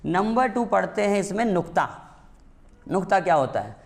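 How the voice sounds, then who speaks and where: A man's voice: high-pitched, sing-song, normal speed, vocal fry. A man teaching a grammar lesson for exam prep, calling his students "beta", asking them questions and answering them himself, and repeating the key points.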